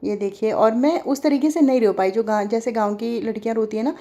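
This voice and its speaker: Woman in her 40s from delhi, warm soft tone, slightly high voice, chatting to viewers over old video. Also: fairly quick. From Delhi, India. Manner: chatty, talks straight to viewers and asks them questions. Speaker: vlogger. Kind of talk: casual voice-over commentary on an old home video.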